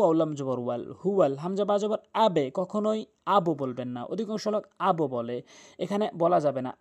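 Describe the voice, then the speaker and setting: A man teaching Quran recitation in an emphatic, insistent way, spelling words out sound by sound with frequent "ah" fillers. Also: on the high side. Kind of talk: lesson.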